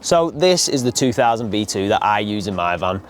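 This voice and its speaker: A man's voice: on the low side, sing-song, normal speed. A man presenting to viewers as host of an online video. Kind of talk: YouTube presenting.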